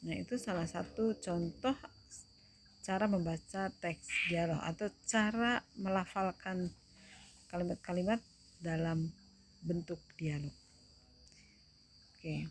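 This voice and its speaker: A young adult woman teacher giving a recorded lesson, explaining slowly and deliberately and checking in with her students. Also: fairly low pitch, a little hiss or hum.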